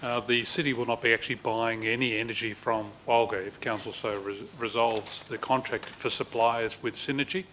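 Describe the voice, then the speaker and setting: A man's voice: medium pitch, fairly even intonation, a little fast, hardly any pauses, pushed and bright, slight background noise, low-quality recording. A man, a council chief executive, giving formal explanatory answers at a meeting.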